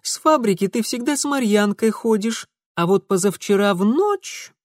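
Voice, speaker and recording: A man voicing a bold, sharp-tongued young peasant girl who mocks and bosses people around. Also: sits high, animated, normal speed, dry recording, clean studio sound, voice pushed up. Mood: mocking. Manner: mocking, bossy.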